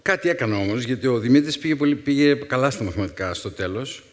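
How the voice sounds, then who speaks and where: A man in his fifties, a teacher, telling wry personal stories with thoughtful pauses to a young audience. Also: medium pitch, animated. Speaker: secondary school philology teacher and speaker. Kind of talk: storytelling talk to a young audience. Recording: reverberant hall.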